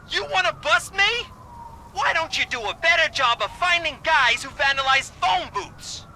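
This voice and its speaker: A man's voice: very high voice, noisy background. An actor voicing a jumpy, rude small-time male drug dealer in a video game. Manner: jumpy, rude, quick to panic.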